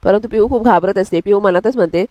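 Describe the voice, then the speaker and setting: Woman recap narrator; brisk, fast, dry close recording. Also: medium pitch, dark tone, no echo. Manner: brisk storytelling, reading quotes plainly.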